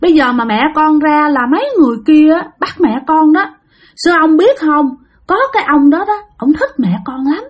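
A woman's voice: sits high, expressive, normal speed, pitched above the performer's own voice. A woman voicing the spirit of a small girl who talks in a whiny, pleading, childish way. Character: whiny little girl spirit possessing her mother.

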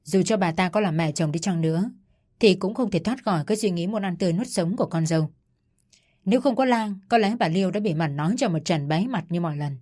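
A woman's voice: lowish voice, fast talker, a little mellow. Woman narrating a story over music. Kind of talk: scripted audiobook narration. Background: faint music.

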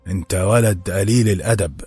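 A man doing a gravelly, furious old cook. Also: sits low, brisk, a little mellow, faint music behind. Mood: angry. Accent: Egyptian Arabic. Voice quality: gravelly, harsh voice. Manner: barking insults. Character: gruff hot-tempered middle-aged male head cook.

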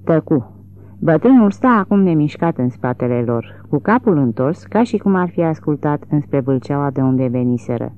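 An audiobook reader narrating a literary novel in an expressive, dramatic way, recorded with a tinny, narrow sound. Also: medium pitch.

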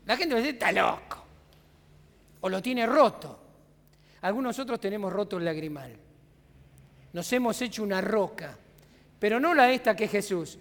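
A high-voiced pastor with lively intonation preaches at normal speed, leaving long pauses that ring with reverb in the church sanctuary. He has a Rioplatense Argentine accent and poses rhetorical questions to his congregation in a conversational sermon.

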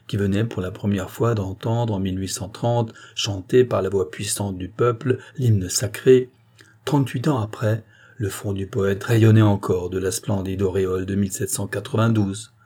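A French man narrates a classic novel as an audiobook in a low, dark, husky voice. He lifts his pitch and pushes harder whenever he declaims the verses, then settles back into steady storytelling. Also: normal speed. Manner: rises in pitch and force when declaiming sung verses.

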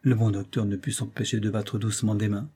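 Man reading a novel aloud, mellow. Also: on the low side, little pitch movement, breathy edge. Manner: measured storytelling reading. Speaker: audiobook narrator. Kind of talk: scripted narration.

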